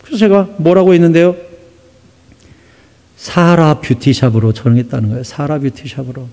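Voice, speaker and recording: A man preaches in a church sanctuary, his voice high for a man but mellow and dark in tone. He tells his story with lively swings, playing out each line of dialogue. The long reverb of the hall trails after every phrase. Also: normal speed. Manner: animated storytelling, acting out dialogue. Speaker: pastor. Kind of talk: sermon.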